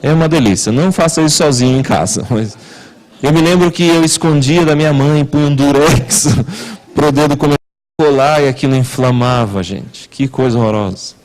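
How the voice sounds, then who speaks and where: Preaching at a moderate pace, a church pastor fires off rhetorical questions while his volume and pitch rise and fall dramatically. The recording quality is rough.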